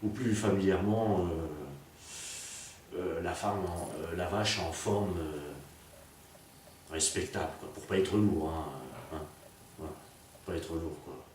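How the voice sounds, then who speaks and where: Comic storyteller, male, low voice, full of puns and restarts; mic far off in a booming room. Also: slow pace, pauses often, a little mellow. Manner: rambling, full of fillers and puns. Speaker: comedian. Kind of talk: rambling comic monologue. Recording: very echoey, distant, faint noise.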